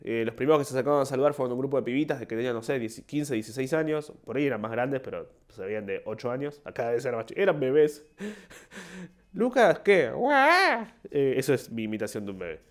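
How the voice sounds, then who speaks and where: A man's voice: mid-range voice, very fast, hardly any pauses, darkish tone. A young man with an Argentine Spanish accent, a podcast host and comedian telling stories in a rambling, self-mocking casual monologue. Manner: rambling, self-mocking, acts out short quoted voices.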